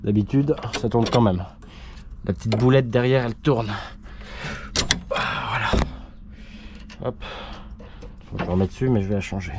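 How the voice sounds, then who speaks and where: A man's voice: on the low side, moderate pace, pauses often. Slangy man chatting in a noisy garage. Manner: slangy, chatty, talks to viewers mid-task. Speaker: amateur mechanic vlogger. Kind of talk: casual commentary while repairing a car. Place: car workshop or garage. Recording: noisy workshop with tool clicks.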